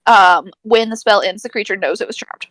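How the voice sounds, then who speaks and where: A woman's voice: medium pitch, fairly quick, a bit bright, dry recording. Hesitant woman tabletop player. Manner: hesitant, many fillers. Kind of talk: tabletop game play.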